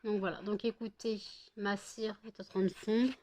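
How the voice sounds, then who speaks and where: A woman's voice: mid-range voice, little pitch movement, moderate pace, darkish tone. A middle-aged woman at home, chatting to camera between bouts of cooing baby talk to her dogs, rambling with plenty of fillers. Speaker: vlogger and home candle maker.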